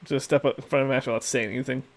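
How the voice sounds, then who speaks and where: A man's voice: mid-range voice, steady tone, rapid-fire, close to an everyday voice. A man voicing a sly, smug young man who drawls and threatens casually while reading game dialogue. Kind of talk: reading a game's dialogue aloud.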